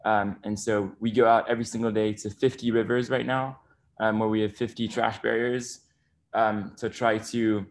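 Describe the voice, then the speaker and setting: A man's voice: on the low side, flat delivery, normal speed. Enthusiastic young man with lots of ums. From Bali, Indonesia. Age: 20s. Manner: enthusiastic, many fillers and restarts. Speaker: guest. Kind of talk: podcast interview.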